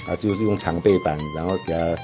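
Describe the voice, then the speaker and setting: A man's voice: sits low, steady tone, quick pace. A middle-aged man with a Taiwanese Mandarin accent chatting casually as an interview guest, offhand and blunt. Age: middle-aged or older. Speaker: guest, volunteer firefighter. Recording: music playing behind the talk.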